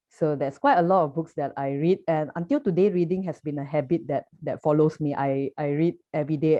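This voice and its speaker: A young Malaysian woman, a poet and artist, chats casually as an interview guest in a Malaysian accent, with many fillers and restarts. Her voice sits low and sounds warm, and the audio is muffled and lo-fi.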